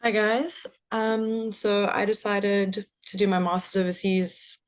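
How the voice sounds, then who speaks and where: A woman's voice: mid-range voice, little pitch movement, slow pace. A South African woman giving a casual testimonial as a master's student on a panel. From Cape Town, South Africa.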